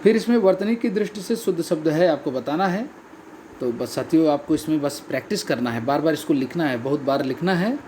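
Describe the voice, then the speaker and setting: A man's voice: on the high side, lively intonation, fairly quick, dark tone, slight background noise. A man explaining the answers to a language test, repeating each key word and calling his listeners friends. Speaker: Hindi exam tutor.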